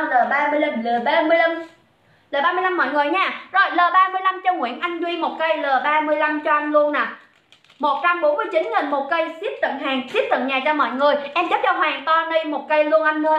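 A woman runs a livestream sales pitch, calling out viewers' comments in a chatty, teasing way. Her voice sits high and bright. The sound is echoey and a little dull. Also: quick pace. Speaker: livestream seller.

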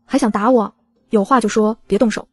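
A woman's voice: a little high, fairly even intonation, fairly quick, a little mellow, slightly rough. A woman voicing a cold, vengeful young woman who mocks her rival in an audiobook.

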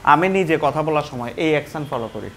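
A man's voice: a little high, expressive, fast, fairly bright tone, a little hiss or hum. Man teaching English pronunciation. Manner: switches between Bengali and English, demonstrates words repeatedly. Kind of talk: explaining pronunciation, mixing Bengali and English.

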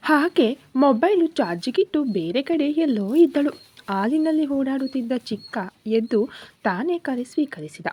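A woman narrating a romantic story in an expressive, dramatic reading style. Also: sits high, slightly rough.

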